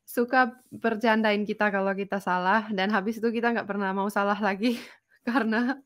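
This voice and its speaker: A woman's voice: medium pitch, fairly even intonation, normal speed. A woman from Finland, a native Finnish speaker, chatting casually as a foreigner speaking fluent, colloquial Indonesian. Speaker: interview guest. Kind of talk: casual chat in a learned language.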